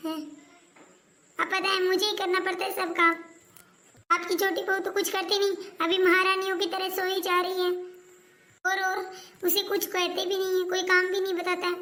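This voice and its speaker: A woman's voice: very high voice, bright, forceful tone. A woman playing an overworked, aggrieved elder daughter-in-law in a family skit, complaining and nagging. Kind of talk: scripted family skit acting.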